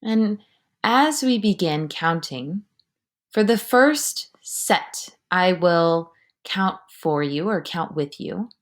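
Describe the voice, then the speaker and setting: A woman leading a guided breathing meditation with calm, measured instruction, her words often trailing off into a breathy near-whisper. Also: lowish voice.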